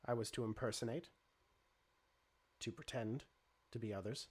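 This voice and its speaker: A cold, menacing male robot from a tabletop game, as the man running the game puts him on. He speaks in a low, measured, formal way, held quieter and deeper than the game master's normal talk. Every word comes out carefully weighed. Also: husky, lightly acted. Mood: grim.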